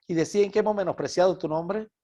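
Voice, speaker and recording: A man from Venezuela with a Venezuelan Spanish accent, preaching a Bible study sermon in an animated way and repeating words for emphasis. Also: high voice, fast.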